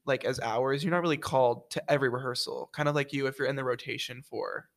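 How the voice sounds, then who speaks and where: A young man co-hosting a casual student podcast, playful and quick as he rattles through his schedule. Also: medium pitch. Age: young adult. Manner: playful, quick, animated rundowns. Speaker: student co-host.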